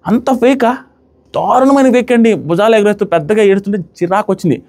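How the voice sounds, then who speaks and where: Speaking quickly in a high, slightly mellow voice, a man mocks a reality show episode in an indignant, animated review. He imitates the crying he recounts.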